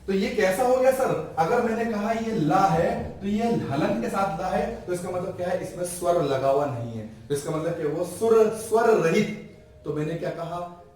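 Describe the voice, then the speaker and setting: Male grammar teacher, high-ish voice, asks and answers his own questions, recorded far off in a very echoey room. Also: animated, moderate pace, a little mellow, slight background noise. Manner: asks the class questions and answers them himself. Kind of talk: classroom-style lesson.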